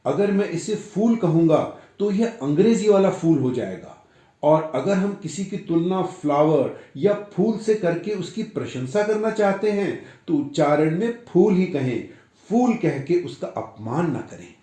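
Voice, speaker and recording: A man narrating a Hindi pronunciation lesson, his voice slightly raised and mellow. He speaks at a slow, deliberate pace and carefully enunciates each example word. The recording has a noticeably echoey room sound. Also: on the high side, lively intonation. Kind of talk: scripted instructional narration.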